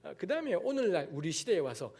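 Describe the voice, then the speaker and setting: A man from Daegu, South Korea, preaches as a guest in a church sanctuary, giving a lecture-style sermon that's blunt and candid, with frank asides. His voice is high, fast, and husky with a darkish tone, vocal fry, and big pitch swings.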